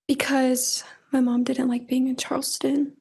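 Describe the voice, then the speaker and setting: A woman's voice: sits high, level tone, unhurried, vocal fry, darkish tone, slightly rough. A young woman giving courtroom testimony as a witness, with brief, plain, reserved answers. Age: young adult.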